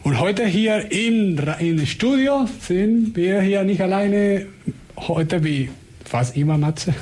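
A man's voice: fairly high pitch, darkish tone. A man with a foreign accent, not a native German speaker, hosting a casual radio chat and often repeating and rephrasing his words. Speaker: radio host.

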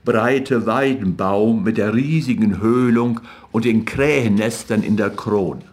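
A man reading literary fiction aloud as an audiobook narrator in a measured, even way. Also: fairly low pitch.

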